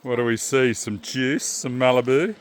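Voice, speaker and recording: A man hosting a casual camping vlog at an outdoor campsite, relaxed and jokey, laughing often. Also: medium pitch, normal speed, a little hiss or hum. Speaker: caravan vlog host.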